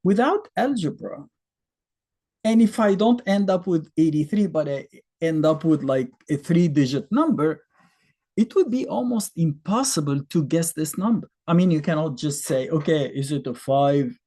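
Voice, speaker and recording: A math teacher in his fifties, a native Arabic speaker with an Egyptian accent, gives a casual explanatory lesson at normal speed. He thinks aloud in a relaxed, chatty way with fillers and plenty of rhetorical questions, his husky, mellow voice rising and falling a lot in pitch.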